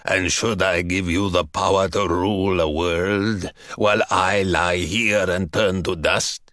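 Deep, slow, sly old vampire from under the earth, sighing and coaxing, as an audiobook reader puts him on. Dry, close sound. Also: male voice, steady tone, fairly bright tone, no echo. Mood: weary reproach. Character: ancient buried male vampire, sly and weary. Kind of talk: audiobook character voice.

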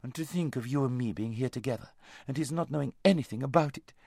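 A man's voice: medium pitch, quick pace, creaky, warm tone, slightly rough, no room sound, clean studio sound. A man voicing a vain, careless young noblewoman in a languid, gushing, affected society drawl for a storybook. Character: vain, lazy-voiced, giggly young noblewoman, loud and careless. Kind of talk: audiobook character voice.

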